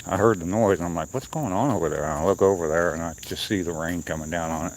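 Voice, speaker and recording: A man walking and talking on a wooded trail outdoors, chatting casually and unscripted to his viewers, with pauses. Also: deep voice. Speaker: livestreamer on a morning walk. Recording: outdoor noise, insects and nature ambience.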